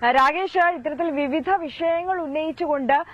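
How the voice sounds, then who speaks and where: A young woman anchors live news from an outdoor courtyard. Her voice is high for a woman, and the audio is a little dull and lo-fi. She prompts the correspondent, often ending on a tag question. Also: normal speed.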